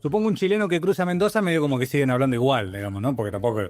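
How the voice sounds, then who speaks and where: A man's voice: medium pitch, rapid-fire, darkish tone, no room sound, soft background music. A man, co-hosting a casual radio chat in a studio with playful, joking banter. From Argentina. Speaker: radio co-host.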